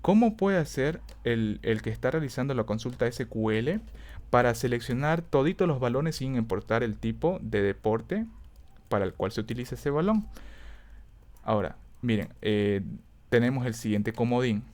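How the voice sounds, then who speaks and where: Casting: male instructor, mid pitch, patient step-by-step lesson, frequent check-ins, thinks aloud and self-corrects. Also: expressive, normal speed, darkish tone. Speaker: teacher. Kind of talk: screen-recorded coding lesson.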